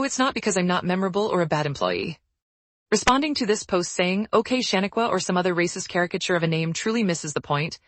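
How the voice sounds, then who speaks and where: A woman narrating forum posts aloud in a brisk, even storytelling read. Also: on the low side, no room sound.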